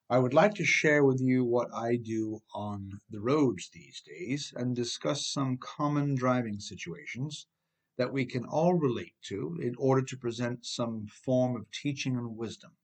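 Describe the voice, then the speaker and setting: A middle-aged American man with a mid-range pitch reads his own nonfiction audiobook. Though scripted, he speaks straight to the listener with emphasis, a conversational turn, and rhetorical questions.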